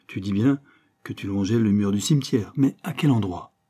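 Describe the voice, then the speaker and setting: A man voicing a sharp, commanding detective in an audiobook, firing off brisk questions and orders in a raised, higher voice. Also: breathy edge. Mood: brisk, probing. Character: sharp, commanding male detective, mid-life.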